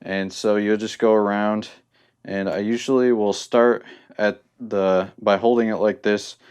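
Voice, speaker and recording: A man's voice: lowish voice, steady tone, unhurried, darkish tone, smooth. Rambling young man explaining a hobby craft. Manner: loose and rambling, many ums and restarts. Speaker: hobby tutorial host. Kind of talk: casual spoken tutorial.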